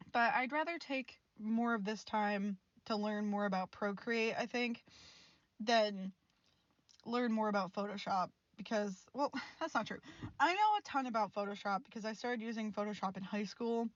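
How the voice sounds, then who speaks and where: A woman's voice: mid-range voice, no room sound, muffled recording. A woman in her twenties, an art student, rambling frankly over her art footage in a casual, mildly exasperated voice-over and laughing often. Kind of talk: casual chatty voice-over vlog.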